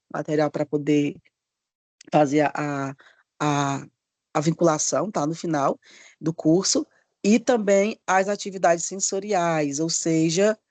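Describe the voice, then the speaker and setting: A man's voice: fairly high pitch, darkish tone, no room sound. Male literacy teacher streaming a lesson. Friendly and demonstrative, stretches sounds, checks in often, dry close sound. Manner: drawn-out demonstrations of letter sounds; frequent checking tag questions. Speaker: literacy course instructor. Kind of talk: live online teacher training lesson.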